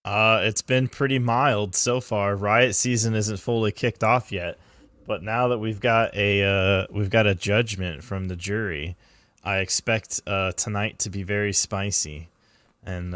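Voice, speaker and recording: Deep-voiced Minnesota man, hesitant. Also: a bit bright, clear, resonant tone, no echo. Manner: hesitant, explaining with many "uh"s. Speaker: guest. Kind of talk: casual live-stream chat.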